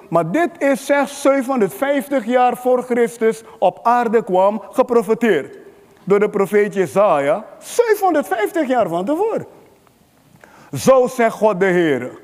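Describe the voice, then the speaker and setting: A man preaches with rising fervor, calling out to the congregation for amens. His voice sits very high. The sound carries a long reverb, as in a large hall. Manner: fervent, rises to shouting at climaxes. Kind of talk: sermon.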